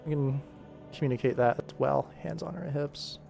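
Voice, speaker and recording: Streaming his animation work, a man rambles and mutters to himself, thinking aloud casually as he goes. His gravelly, dark voice sits at medium pitch and normal speed. Game soundtrack music plays behind him.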